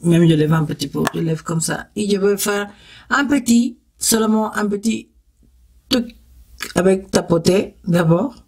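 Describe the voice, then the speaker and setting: A woman's voice: mid-range voice, unhurried, a little mellow, breathy edge. A woman with a Spanish accent, Spanish her first language, hosting a step-by-step makeup tutorial in a chatty, encouraging way, talking straight to her viewers and making little "tac" sounds as she works.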